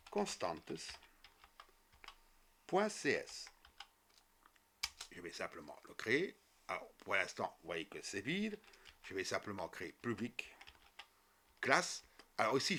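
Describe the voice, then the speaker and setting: A man walking viewers through a coding tutorial step by step as he types, with frequent fillers and quick self-corrections. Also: on the low side, pushed and bright. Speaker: programming tutor. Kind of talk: screen-recorded coding tutorial.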